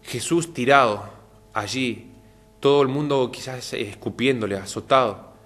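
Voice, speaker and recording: A male preacher gives a televised sermon in a mid-range voice. He talks straight to his listeners and acts out the quoted lines with sudden rises in pitch and force. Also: measured pace, fairly bright tone. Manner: addresses the audience directly.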